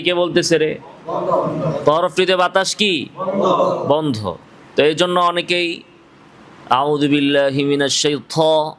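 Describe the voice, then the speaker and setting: A man's voice: a little high, a bit bright, slight background noise. A man with a Bangladeshi Bengali accent teaching a class on how to pronounce Quranic letters. He asks the students questions, answers them himself and demonstrates each sound aloud. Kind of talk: classroom tajweed lesson.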